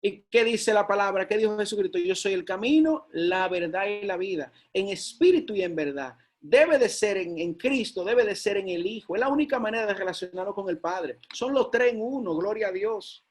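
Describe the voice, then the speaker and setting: A middle-aged man with a high voice delivers a sermon as a preacher. He speaks earnestly, mixing personal testimony with teaching and returning often to short praise phrases. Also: animated, normal speed, few pauses. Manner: earnest testimony, repeats "gloria a Dios".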